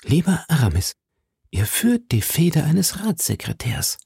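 A grave, reserved musketeer, read by a male audiobook narrator speaks calmly and with weight. The voice is dark and gravelly, with a dry, close sound. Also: a little high, measured pace, no echo, pitched above the performer's own voice, heavily acted.

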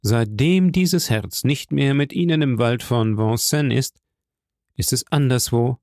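A man's voice: medium pitch, a little slow, a little mellow, no echo, clean studio sound, lightly acted. A man voicing an earnest, heartfelt young army captain.

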